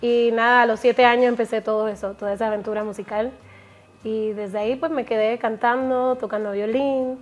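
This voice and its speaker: Middle-aged woman from puerto rico chatting in an interview, kinda high voice, laughs a lot, soft and friendly. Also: steady tone, fairly quick, lo-fi sound. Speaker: musician guest. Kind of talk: casual interview.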